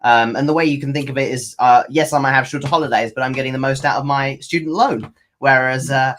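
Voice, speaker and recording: Young British man, friendly guest, mid-pitched voice, curious questions. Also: fast, a bit bright, slight background noise. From United Kingdom. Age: young adult. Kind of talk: casual live-stream chat.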